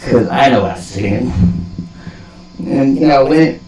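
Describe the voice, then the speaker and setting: Hammy theatrical guy doing a sweary bro philosophy rant, slow drawn out delivery, roomy echo, some music behind. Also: medium pitch, a little mellow. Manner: profane, swaggering bro slang. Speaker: host of a comedic monologue. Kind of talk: mock-philosophical comedic rant in slangy bro talk.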